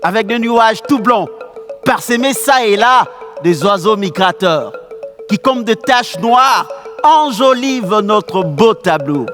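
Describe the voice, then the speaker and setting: Male storyteller, stage show, lyrical, sing-song, high voice, music behind. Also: animated, slow pace. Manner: lyrical, half-sung, dramatic. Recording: background music.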